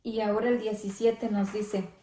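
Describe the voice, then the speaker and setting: A woman leading a church Bible study, speaking slowly and reverently, often adding amén and gloria a Dios. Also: mid-range voice, little pitch movement, warm tone, reverberant, slight background noise. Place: church hall.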